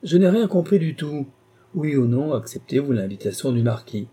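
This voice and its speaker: A man's voice: medium pitch, animated, normal speed, warm tone, breathy edge, pitched above the performer's own voice. A man reading an audiobook who voices an irascible, pompous older uncle in an overbearing, indignant manner.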